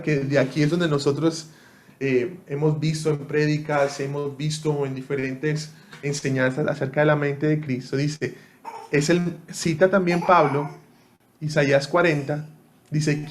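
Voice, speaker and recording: A man's voice: on the high side, a little hiss or hum. Man teaching the Bible online. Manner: conversational, asks listeners often.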